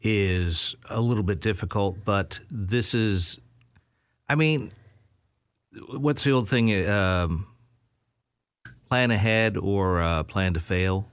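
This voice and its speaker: A man's voice: fairly low pitch, slow, long pauses, smooth, dry recording. A man hosting a casual conversation, talking in an easygoing, hesitant way with fillers.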